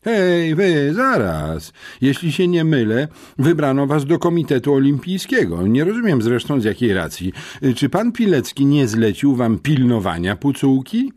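A man's voice: mid-range voice, huge pitch swings, a little slow, darkish tone, slightly rough, pitched above the performer's own voice, full character voice. A man voicing a stern, pompous school headmistress in an audiobook, curt and commanding. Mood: impatient. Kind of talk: audiobook character voice.

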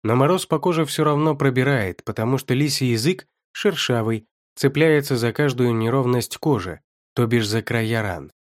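A man reading fantasy fiction aloud as an audiobook narrator, with even storytelling delivery. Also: mid-range voice, moderate pace, dry recording, studio quality.

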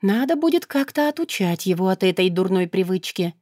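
A woman narrating a first-person story aloud, lively and wry, with a sharp edge of sarcasm. Her voice sits in a middle pitch and is recorded close and dry, with no room sound. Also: brisk, no echo. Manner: lively, sarcastic, emotional reading. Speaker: audiobook narrator.

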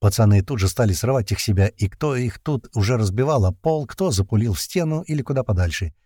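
A man's voice: lowish voice, animated, fast talker, dark tone, husky, dry recording, clean studio sound. A man narrating a first-person audiobook in a tense, colloquial storytelling manner full of slang.

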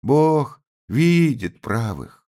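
A man's voice: medium pitch, sing-song, drawn-out words, dark tone, voice pushed up. A man voicing an aging mother, fierce and grieving, who cries out and pleads in a raised voice. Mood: bitter.

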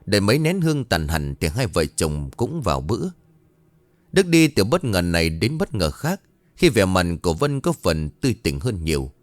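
A man narrates a ghost story in a measured, scripted storytelling cadence. His voice sits low with lively melodic movement. The sound is close and dry over faint background music. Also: dry recording.

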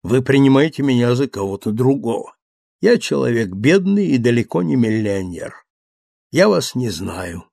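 A man voicing a calm, polite older gentleman who speaks quietly and courteously in an audiobook reading. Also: mid-range voice, normal speed, vocal fry.

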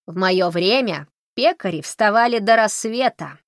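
A woman's voice: medium pitch, expressive, measured pace, no room sound, clean studio sound. A woman reading an audiobook, voicing a bossy, disapproving older woman who snipes at others. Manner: sniping, disapproving.

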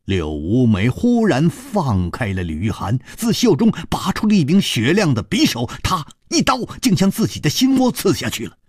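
Lively dramatic male storyteller. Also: moderate pace, hardly any pauses, husky, no echo, studio quality. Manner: dramatic, highly varied delivery. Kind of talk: Chinese radio storytelling of a martial-arts novel.

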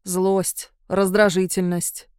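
Lady doing a stubborn young woman, firm and direct, mellow dark tone. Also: on the low side, flat delivery, slow, smooth, no room sound, clean studio sound.

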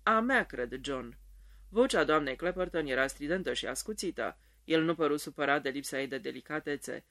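A man reading a detective story aloud in measured scripted narration. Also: a little high, fairly bright tone. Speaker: reader.

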